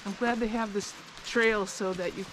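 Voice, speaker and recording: A woman's voice: mid-range voice, fairly even intonation, moderate pace. A middle-aged woman chatting casually and informally for a travel vlog. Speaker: vlogger. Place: outdoor forest trail, later small cabin kitchen. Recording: noisy handheld action-camera audio.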